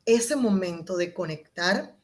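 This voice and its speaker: A woman's voice: lowish voice, takes it slowly. A woman explaining her public speaking method as an interview guest, shifting her tone and volume to demonstrate. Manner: expressive, varies volume and tone to demonstrate.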